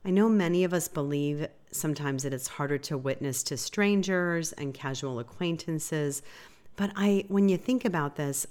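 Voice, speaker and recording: Lady podcast host with a low voice, bit stuffy from a cold, earnest chatty devotional talk. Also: darkish tone. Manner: earnest, conversational, self-deprecating.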